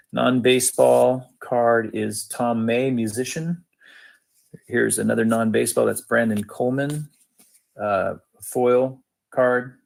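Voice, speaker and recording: A man's voice: medium pitch, creaky. A man hosting a sports card break, reading out cards in casual, matter-of-fact, clipped phrases.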